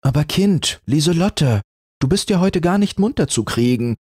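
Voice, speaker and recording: A man voicing a mother in a fairy tale audiobook, gently scolding. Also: fairly high pitch, animated, moderate pace, husky, no echo, clean studio sound, pitched above the performer's own voice. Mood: fondly chiding.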